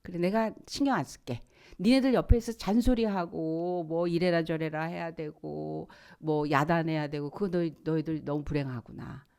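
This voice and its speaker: A woman pastor voicing a weary, stern God in a calm, resigned, plain-spoken way during a sermon. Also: deep voice, moderate pace, clean tone.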